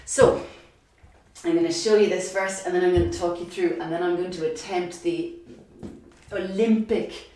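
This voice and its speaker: A woman's voice: lowish voice, steady tone, moderate pace, warm tone, heavy reverb, distant mic, a little hiss or hum. A woman yoga teacher guiding a class, chatty and encouraging, counting reps aloud and a bit out of breath as she exercises along. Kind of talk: guided yoga class instruction. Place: yoga studio.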